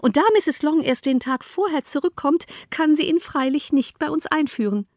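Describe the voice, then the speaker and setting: A woman putting on a shrill, excitable mother. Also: normal speed, no room sound, studio quality, close to an everyday voice. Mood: exasperated. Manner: shrill, exclamatory, high-strung. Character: fussy excitable middle-aged mother. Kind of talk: audiobook character voice.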